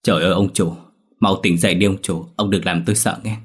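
A man's voice: low-pitched, fairly even intonation, quick pace, breathy edge. A man voicing a frightened elderly housemaid who pleads in a shaky voice in a spoken ghost story. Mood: frantic. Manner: trembling, pleading.

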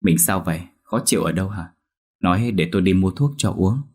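A man voicing a worried, gentle old village husband who soothes his wife in a ghost story. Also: sits low, brisk, husky. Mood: soothing. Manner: soothing, concerned.

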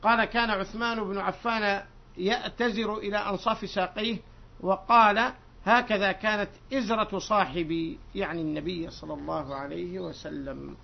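A man teaching as a sheikh, reading narrations aloud in a raised voice, then explaining them to his students in a lower conversational tone and putting questions to them. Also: normal speed, vocal fry. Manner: digressive, asks the students questions. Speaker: sheikh teaching a hadith book. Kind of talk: classroom lesson reading and explaining texts. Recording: dull lo-fi lecture recording.

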